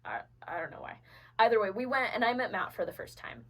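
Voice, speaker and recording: A woman's voice: medium pitch, lively intonation, fast talker, fairly bright tone, poor audio. Earnest young woman telling her story. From Venezuela. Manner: earnest, with frequent fillers and restarts. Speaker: guest. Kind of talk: personal storytelling in a podcast interview.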